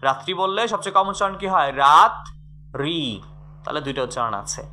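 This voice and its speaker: Middle-aged male teacher for a live online class, fairly high and very bright, who drills questions and urges students on. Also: animated, very fast, a little hiss or hum. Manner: repeats questions and coaxes students to answer. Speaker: Bengali grammar teacher.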